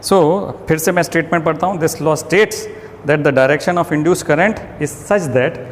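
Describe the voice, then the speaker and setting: Male physics teacher, slightly high voice, step-by-step explaining, long reverb, faint background hiss. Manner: explains step by step, asks and answers his own questions; switches to slow, careful reading of English statements. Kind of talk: classroom lecture.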